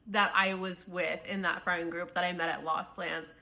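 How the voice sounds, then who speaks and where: A woman's voice: on the low side, little pitch movement, moderate pace, creaky, bright, forceful tone. A young woman from the US Midwest telling a chatty storytime tale, full of fillers. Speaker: vlogger. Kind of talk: storytime vlog.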